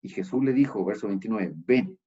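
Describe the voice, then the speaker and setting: A man's voice: lowish voice, moderate pace, a little mellow, husky, highs cut off. A man with a Chilean accent preaching a sermon as pastor of a church, explaining a passage and often checking in with his listeners. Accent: Chilean Spanish.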